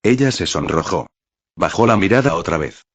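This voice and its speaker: A man narrating a fan fiction story in a measured, dramatic reading. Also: sits low, lively intonation, no echo. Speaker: fanfic narrator.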